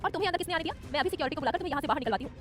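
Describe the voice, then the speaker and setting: A woman voicing Tara, a brash, quick-tempered young woman contestant, in an audio love story. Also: sits high, expressive, faint music behind, voice pushed up. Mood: indignant.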